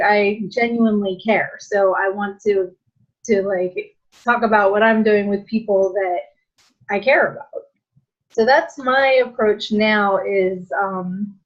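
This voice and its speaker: A woman coach chatting casually on a group call, animated and self-deprecating. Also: medium pitch, muffled recording. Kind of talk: casual chat.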